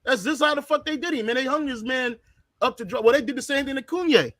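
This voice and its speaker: A man's voice: very high-pitched, fast, fairly bright tone, dry recording. A man speaking with preachy conviction in a religious discussion, often repeating words as he starts phrases.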